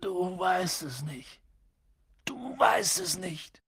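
A man reading an audiobook and voicing a huge, hot-tempered but kind male giant who swings between hushed whispers and booming shouts. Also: very animated, measured pace, gravelly, husky, dry recording, clean studio sound, exaggerated voice. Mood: earnest.

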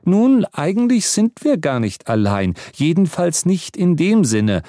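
A blustering, bossy head wizard, voiced by a male narrator, pitched up with a lively, commanding delivery. He rattles off orders briskly in a storybook reading with a close, dry sound. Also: dry recording.

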